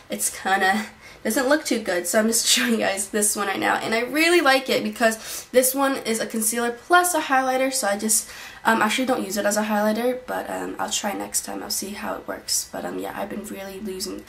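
Recorded on the camera's built-in mic from desk distance in a small bedroom, a young woman casually rambles through a monthly favorites beauty vlog, full of fillers and restarts. Her voice is mid-range and fairly bright.

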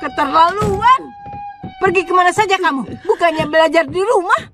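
Shrill scolding mother. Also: moderate pace. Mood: angry. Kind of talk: animated cartoon dub. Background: music.

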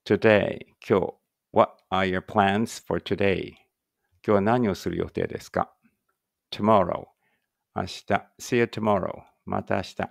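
A man with a very low, gravelly voice leads a read-aloud English lesson. He takes his time over each English phrase, then follows it with the Japanese translation. The sound is dry and close, with no room around it. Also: no room sound. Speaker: English teacher.

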